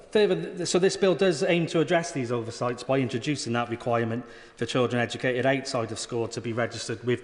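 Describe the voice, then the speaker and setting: British man giving a speech in a reverberant chamber. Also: mid-range voice. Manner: earnest, formal. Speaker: member of parliament. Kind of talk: prepared parliamentary speech. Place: large debating chamber. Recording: reverberant hall sound.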